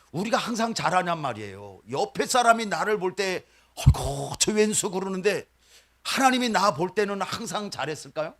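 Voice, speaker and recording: A man preaching as a missionary at a midweek prayer service, animated and asking the congregation questions. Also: fairly high pitch. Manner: animated, acts out quoted voices, asks the congregation questions. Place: church sanctuary.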